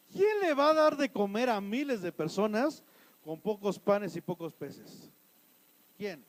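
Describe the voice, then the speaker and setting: A male pastor with a Mexican accent delivering a church sermon. His voice sits high for a man. He fires rhetorical questions at the congregation, then swings from forceful loud points to quiet asides. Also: rough recording. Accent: Mexican Spanish.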